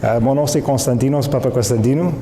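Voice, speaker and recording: Casual Quebec French founder's pitch, loose and filler-heavy, warm mellow voice, echoey hall. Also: male voice, steady tone, fast, a little hiss or hum. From Montreal, Quebec. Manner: informal pitch with many fillers and restarts, mixing English terms. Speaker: company founder. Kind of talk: spoken product pitch. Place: event hall. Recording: echoey hall with faint ambience.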